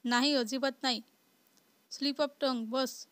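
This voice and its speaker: A lively, outspoken young woman from an audio love story, as a woman reads her part. The voice is somewhat high and flat in its melody, and it sits dry and close to the mic. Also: a little slow, no room sound. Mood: insistent.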